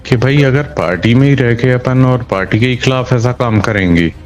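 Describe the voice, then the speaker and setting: A local political party member, a man with a mid-range voice speaking at normal speed, answers an interviewer colloquially. He often repeats phrases for emphasis, and soft music plays in the background.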